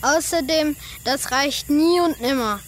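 A woman's voice: sits high, measured pace, a little hiss or hum. A woman voicing an easygoing, sensible female rhinoceros in a children's storybook. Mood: dry. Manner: dry, sighing storybook voice.

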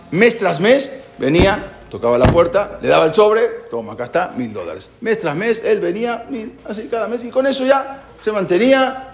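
A man preaches in a gravelly, slightly high voice that swings widely in pitch. He tells a parable and acts out its characters as he goes. A faint hiss sits under the recording. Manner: animated storyteller, voices characters. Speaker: rabbi giving a talk. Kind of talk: sermon with a told parable.

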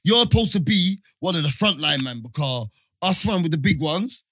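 A young London man banters in roadman slang with a lively, swooping delivery. His voice sits a little high and sounds dry, and he repeats phrases as he teases. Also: moderate pace, no room sound. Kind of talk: casual banter.

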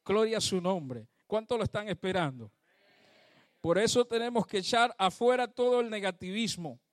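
Fervent high-voiced male preacher. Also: normal speed, no echo, clean studio sound. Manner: fervent preaching, exclaims praise to God; addresses the congregation directly, asks them questions. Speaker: pastor. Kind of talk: sermon.

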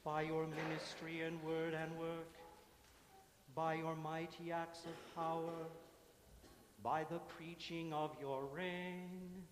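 Man chanting a slow, monotone litany. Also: fairly high pitch, slight background noise. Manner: slow, measured, monotone intoning. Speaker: worship leader. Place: large church. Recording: echoey hall, mic from afar.

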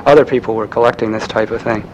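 A man reads a prepared lecture aloud at a measured pace, now and then restarting a phrase. His voice sits at an ordinary middle pitch, with a faint rumble in the background. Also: fairly even intonation, a little mellow, rough recording.

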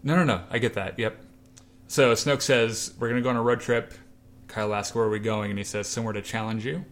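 Lively man retelling a comic, low voice. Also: a little fast. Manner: animated storyteller, acts out quoted lines. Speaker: podcast co-host. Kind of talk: casual chat retelling a comic.

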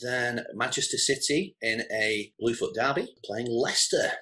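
A man hosting a casual sports chat, running through the week's fixtures with relaxed asides. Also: mid-range voice, moderate pace. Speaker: show host.

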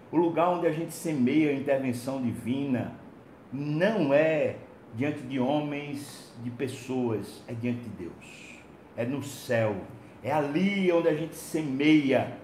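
A male preacher delivering a sermon, swinging from loud emphatic calls to quiet low murmurs. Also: slow pace. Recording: echoey room with faint low rumble.

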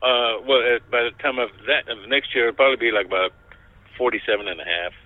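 A man's voice: mid-range voice, fairly even intonation, quick pace, dry recording. A man in his sixties, a store cashier, answering interview questions politely over a landline phone from the store. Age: 60s. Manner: polite, says "yes, sir" often. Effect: heard over a landline phone. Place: convenience store. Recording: tinny dry phone line.

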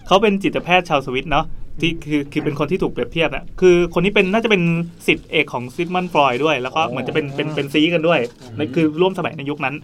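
Guy hosting a podcast, talks fast n chatty, stumbles and repeats words. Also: on the high side, a bit bright. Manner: fast, chatty storytelling with frequent repetitions. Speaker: podcast host telling a story. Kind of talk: casual group chat.

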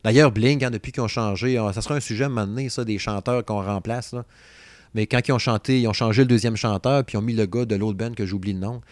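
This podcast co-host, a thirties-aged man from Saguenay, Quebec, speaks with a Québécois French accent in a lowish voice at a quick pace. He jokes around about old songs on the casual chat show, humming bits of them, lively and playful, and the recording has no echo.

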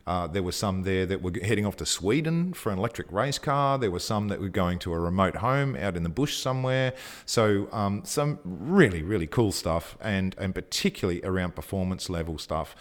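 A man's voice: low voice, expressive, moderate pace. A man co-hosting a casual podcast chat, talking with enthusiasm and getting a little breathless as he gushes. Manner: enthusiastic, gushing, breathless at times. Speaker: co-host.

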